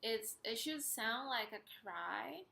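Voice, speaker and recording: A woman giving an instructional singing lesson, explaining step by step in a hesitant, pausing way. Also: a little high, animated, vocal fry, bright, forceful tone. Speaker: singing teacher. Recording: roomy, echoey sound.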